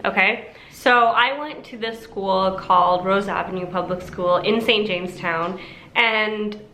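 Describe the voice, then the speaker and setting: Young woman vlogging, bright chatty voice, echoey room. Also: medium pitch. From Pakistan-born, raised in Toronto. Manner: chatty, lots of likes and asides. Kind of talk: casual chat to camera.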